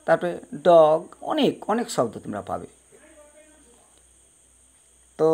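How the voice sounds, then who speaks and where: A male teacher giving a pronunciation lesson, slowly spelling out words and patiently repeating each sound for his students. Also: a little high. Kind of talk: spoken English pronunciation lesson.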